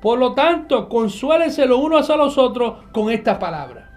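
A man's voice: very high voice, very animated, moderate pace, a little mellow. A man preaching a nightly online Bible teaching, emphatic, asking questions and answering them himself. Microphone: live stream with viewers connected.

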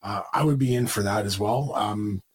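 Husky-voiced male podcast co-host. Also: fairly low pitch, normal speed, poor audio. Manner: chatty, rambling with restarts. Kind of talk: casual wrestling chat.

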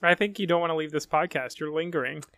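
A man's voice: a little high, fast talker, a bit bright. A man co-hosting a casual chat podcast with his sister, teasing her with dry, jokey banter. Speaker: podcast co-host.

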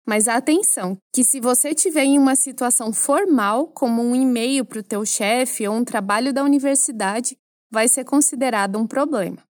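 A woman with a Brazilian Portuguese accent teaching a French lesson, explaining phrases clearly and asking the listener to repeat after her. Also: on the high side, moderate pace, no room sound, clean studio sound.

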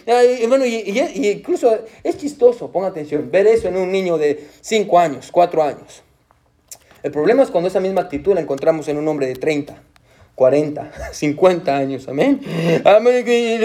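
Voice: mid-range voice, warm tone. Preacher repeating amén and escuche. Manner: peppers speech with amén and escuche; humorous asides and playful examples. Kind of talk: sermon. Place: church.

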